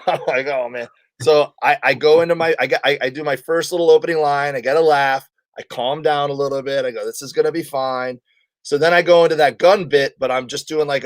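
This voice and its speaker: A man's voice: a little high, no room sound. A man, a comedian guest, telling a story in a casual interview and acting out the quotes of the people in it.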